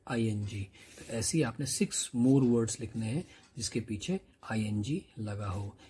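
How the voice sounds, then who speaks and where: Indian man, teacher type, unhurried delivery, patient, faint hiss behind. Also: medium pitch, mellow. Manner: slow, patient, repeats words aloud for pupils. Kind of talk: classroom lesson explanation.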